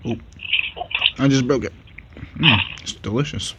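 A man giving casual, excitable commentary while playing a game with a friend, laughing and trash-talking his opponent. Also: medium pitch, unhurried, slight background noise. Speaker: gaming channel host.

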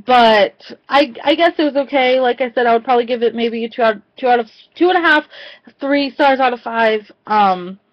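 A chatty young woman with a slightly high voice talks through her movie reviews. She fills her pauses with "um" and often restarts her sentences. The sound is dull and lo-fi, like a home video. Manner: chatty, many "um" fillers and restarts.

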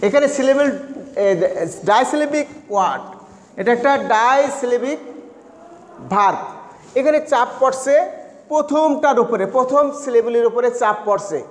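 A man's voice: very high voice, normal speed, long pauses. A man teaching an English grammar lesson, explaining rules and spelling words out letter by letter. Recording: echoey room with faint noise.

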